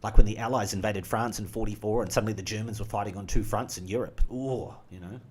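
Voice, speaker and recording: A man's voice: fairly low pitch, fairly even intonation, fast. A man chatting casually while gaming, rambling off on jokey tangents. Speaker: gaming streamer.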